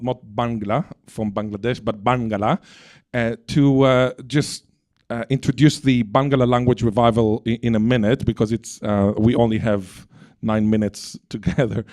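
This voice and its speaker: A man's voice: mid-range voice, darkish tone. A man moderating a conference panel, talking hesitantly with many fillers and self-corrections.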